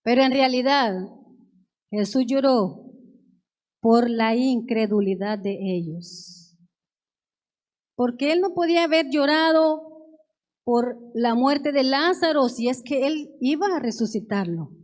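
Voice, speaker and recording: Slow, high-voiced woman preaching. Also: lively intonation, darkish tone. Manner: reads verses aloud, then explains them earnestly. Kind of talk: sermon with Bible reading. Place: church.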